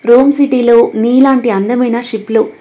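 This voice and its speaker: A man's voice: extremely high pitch, steady tone, moderate pace, mellow. A woman doing Ritvik, a gloating young villain. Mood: menacing. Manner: menacing, possessive. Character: scheming obsessive villainous young man, gloating.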